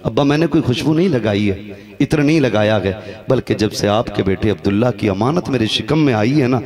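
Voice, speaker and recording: A man preaching a sermon who acts out the story voices, dropping to hushed lows and rising to shouted peaks. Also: expressive, fairly quick. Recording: live crowd behind the voice. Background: crowd responding.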